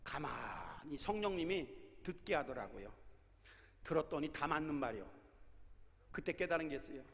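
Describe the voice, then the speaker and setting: A man in his sixties, a pastor preaching a sermon, telling stories and breaking into shouted exhortations, in a large prayer hall. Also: fairly high pitch. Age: 60s. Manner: animated storytelling with shouted exhortations. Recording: long reverb of a large hall.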